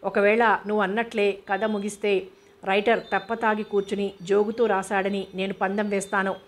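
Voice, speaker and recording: A woman narrator voicing a tired, sharp-tongued elder sister in a novel reading. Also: medium pitch, level tone, moderate pace, natural voice.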